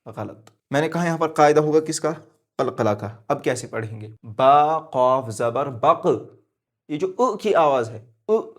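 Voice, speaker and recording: Guy teaching a recitation class, asks then answers himself, slow letter drills, gets loud on the rules. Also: medium pitch. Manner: switches between quiet explaining and loud emphatic stress. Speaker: tajweed teacher. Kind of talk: classroom-style lesson at a board.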